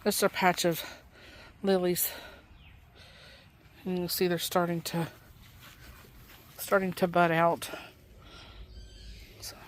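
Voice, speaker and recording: A woman's voice: fairly low pitch, flat delivery, slow, pauses often, a little hiss or hum. A woman, out of breath, chatting casually to viewers on a garden vlog and talking to her pets as she walks outdoors. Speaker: vlogger.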